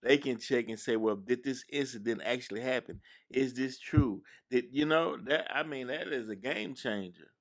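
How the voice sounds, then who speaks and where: A man hosting a radio interview, speaking haltingly with repeated words and restarts. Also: medium pitch. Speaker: radio show host. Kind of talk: conversational interview.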